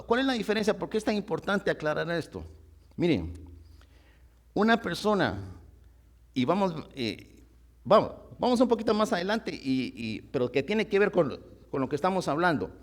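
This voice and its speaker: A man's voice: on the high side, big pitch swings, normal speed. A man leading a church Bible study, asking the congregation questions and repeating phrases for emphasis. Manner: asks the congregation rhetorical questions.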